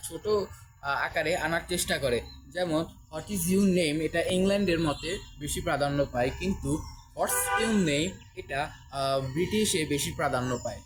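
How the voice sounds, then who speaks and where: A young man with a Bangladeshi accent hosting a casual English lesson, pausing often with fillers and drawing out each example word slowly. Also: on the high side, slight background noise, low-quality recording. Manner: halting, with many fillers and restarts, slow drawn-out example words. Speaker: English teacher and channel host.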